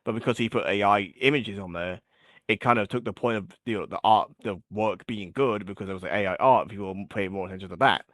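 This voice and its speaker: A man's voice: lowish voice, fairly quick, fairly bright tone, no echo, clean studio sound. A man as an interview guest, chatting casually and rambling with lots of filler words, his voice getting worn. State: losing his voice. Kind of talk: casual chat.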